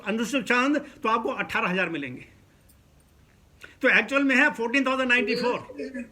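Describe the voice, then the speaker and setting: A man's voice: extremely high pitch, pushed and bright. A man giving a scripture class in a conversational sermon style, questioning his listeners and slipping English words into his talk. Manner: conversational, asks the audience questions, mixes English into Hindi.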